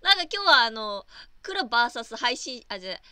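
A woman's voice: fairly high pitch, very animated, a little fast, bright, forceful tone, clean tone, dry recording. A young woman from Japan chatting casually on a livestream, reading viewer comments and giggling often.

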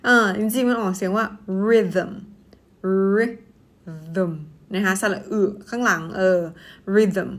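A woman with a Thai accent teaching English pronunciation, playfully acting out wrong guesses and then saying each word slowly. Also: mid-range voice, steady tone, a bit bright. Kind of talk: pronunciation lesson.

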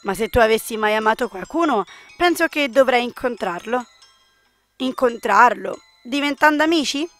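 A woman reading the lines of a calm, quietly possessive young man in a dating game, keeping close to her own voice. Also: a little high, moderate pace, soft background music. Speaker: game player reading a character.

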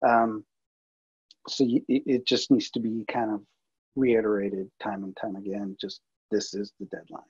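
On a muffled recording, a man with a lowish, husky voice speaks at normal speed in a level tone. He is a multimedia producer casually presenting a workflow over slides in a webinar, with many fillers and restarts.

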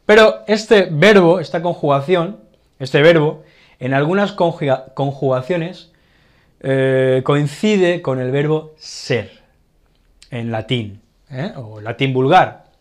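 Spanish man teaching with a slightly high voice. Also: takes it slowly. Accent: Spanish from Spain. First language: Catalan. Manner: explanatory, checks in with frequent "vale". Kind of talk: casual grammar lesson.

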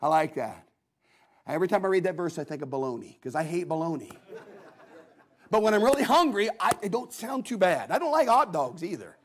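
High-pitched guy preaching in church, homey jokes, does little voices. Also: very animated, fairly quick. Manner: folksy storytelling preacher, acts out voices of Bible figures. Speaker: guest preacher. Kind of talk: sermon.

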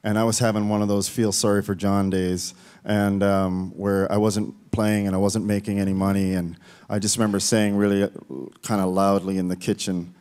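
A man's voice: on the low side, level tone, normal speed, few pauses, a little mellow, smooth. A man talking from the stage at a folk concert in rambling, self-deprecating banter full of fillers, with guitar behind him. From Canada. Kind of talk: relaxed stage banter between songs. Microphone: stage vocal mic. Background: guitar playing.

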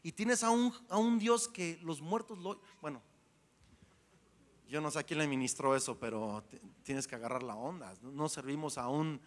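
Male pastor, high bright voice, lively playful sermon, long hall reverb. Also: moderate pace. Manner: animated, playful preaching with acted-out voices.

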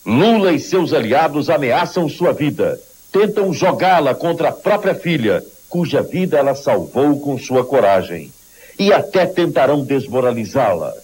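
A male announcer delivers dramatic voice-over with a very lively, swooping pitch and a grave, urgent edge. A faint hum sits under the old broadcast tape. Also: moderate pace, low-quality recording. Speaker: campaign ad announcer.

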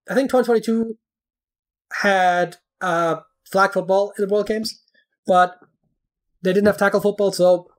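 A podcast guest in casual chat, explaining at length with many fillers and restarts. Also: mid-range voice.

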